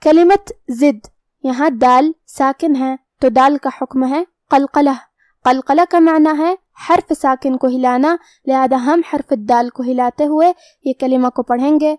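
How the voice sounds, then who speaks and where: A high-pitched woman gives a patient, methodical recitation lesson, explaining each letter's sound rule one by one. Her voice is recorded close and dry, with no room sound around it. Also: steady tone, darkish tone, no room sound. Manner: explains each letter rule step by step, then recites verses slowly and drawn out. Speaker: Quran recitation teacher. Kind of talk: tajweed lesson, slow explanatory teaching.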